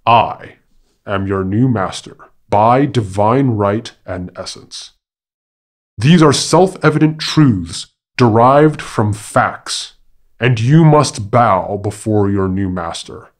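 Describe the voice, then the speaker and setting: A man's voice: fairly low pitch, lively intonation, takes it slowly. A man doing a pompous, declaiming monkey. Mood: grandiose. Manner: grandiose, declaiming. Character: pompous male monkey proclaiming himself a man.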